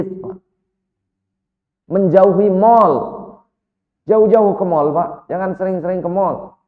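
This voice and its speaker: A man preaching as an Islamic preacher, telling a story with lively, repeated direct address to his listeners. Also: fairly high pitch. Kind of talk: sermon. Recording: echoey hall over a tinny line.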